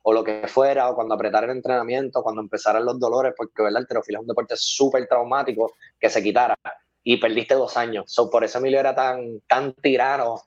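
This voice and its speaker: A man telling stories from his weightlifting years in a casual interview. He is animated and laughs often, and he acts out the people he quotes. The recording sounds dull and lo-fi. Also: medium pitch, fast talker. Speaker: weightlifting athlete and guest.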